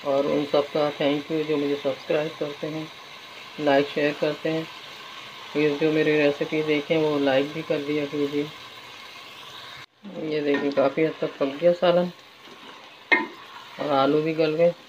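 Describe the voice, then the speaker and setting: A woman with a deep, level voice casually narrates a recipe as a home cook at the stove, speaking unhurriedly and pausing often. This home cooking vlogger is indoors in her kitchen, captured on dull phone audio with loud frying sizzle. Frying, sizzling and stirring fill the background.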